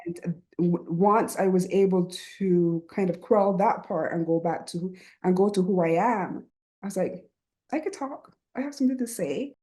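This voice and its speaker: A middle-aged woman from Barbados speaks with a Barbadian accent in a lowish voice at a moderate pace. She's a podcast guest who founded a writing program, sharing earnest reflections in a conversational interview, often checking in with "right?" and laughing softly.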